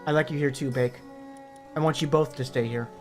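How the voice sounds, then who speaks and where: A hoarse man reading a storybook and voicing a brash, smug, foul-mouthed sixteen-year-old girl. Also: mid-range voice, fairly even intonation, a little fast, faint music behind, lightly acted. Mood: smug taunting. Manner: taunting, swaggering. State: hoarse from illness.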